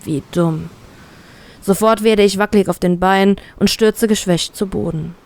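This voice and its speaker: A woman calmly reading a first-person fanfiction story aloud. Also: medium pitch, moderate pace. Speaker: fanfiction reader.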